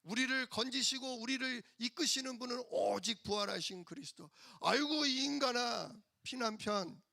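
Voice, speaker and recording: Guy doing a fed-up wife nagging her husband, high and bright, big sighs. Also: normal speed, creaky, full character voice. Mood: scolding. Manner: scolding, sighing exclamations.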